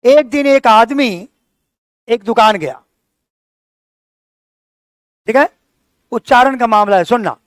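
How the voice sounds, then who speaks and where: A man's voice: very high-pitched, expressive, takes it slowly, long pauses, no room sound. A male teacher giving a classroom lecture, explaining things step by step and asking his students questions as he goes.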